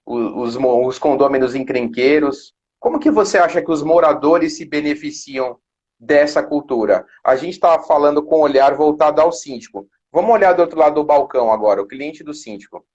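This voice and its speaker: Brazilian guy hosting a live, voice a bit high, long winding questions, muffled lo-fi sound. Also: moderate pace, a little mellow. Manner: long, smoothly framed questions. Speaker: host.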